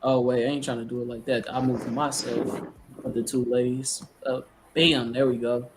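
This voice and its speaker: On a multi-person video call, a man with a medium-pitched, level voice hosts an online debate tournament at a normal pace. His style is casual, slangy and playful. The call audio is clear but has background noise.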